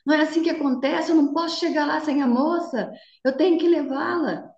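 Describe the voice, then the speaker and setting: A woman's voice: high voice, a little fast, darkish tone, echoey room, highs cut off, pitched above the performer's own voice. A woman doing an angry, pushy taxi driver. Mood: insistent. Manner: insistent, raised voice.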